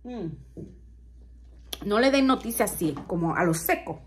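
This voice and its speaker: A woman's voice: mid-range voice, expressive, measured pace, slight background noise. A young woman, telling viewers a story in a dramatic, exclamatory way. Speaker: vlogger.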